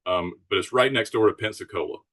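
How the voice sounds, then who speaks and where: A man's voice: on the low side, fast talker, a bit bright. A man chatting casually as a guest, explaining things in an informal, easygoing way. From Alabama Gulf Coast, United States. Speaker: podcast guest, charter sailboat captain.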